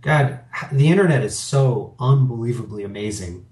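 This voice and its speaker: A middle-aged business owner, interviewed casually, talks in a candid, reflective way, rambling with fillers. His medium-pitched voice is animated and darkish, at a moderate pace. The room gives a roomy echo.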